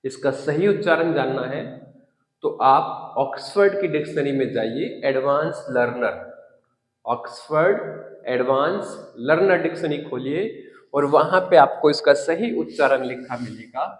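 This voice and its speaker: A man with an Indian English accent gives an English lesson in a high, unhurried voice. He spells out and repeats key words with deliberate emphasis. The sound rings with a long, roomy reverb. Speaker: English teacher. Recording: echoey room with long reverb.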